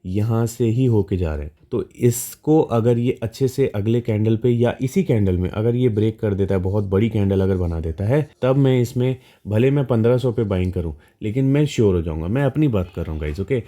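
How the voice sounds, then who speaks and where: A man's voice: on the low side, brisk, hardly any pauses, dark tone. A man with an Indian accent walking through a stock chart in a casual, explanatory way, often checking in with his listeners. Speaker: stock market educator.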